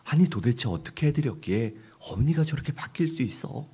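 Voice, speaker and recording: A husky-voiced man voicing curious village neighbors who press with prying questions. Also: medium pitch, lively intonation, fairly quick, dark tone.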